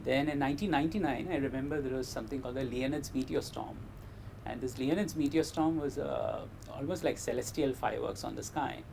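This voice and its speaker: A man with a polished, educated Indian accent speaks in a measured, modest way, as an interview guest would. His mid-pitched voice has a marked creak at the edges. There is faint noise behind him. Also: poor audio. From Kerala, India. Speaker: interview guest, meteor scientist. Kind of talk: interview answers, personal career story.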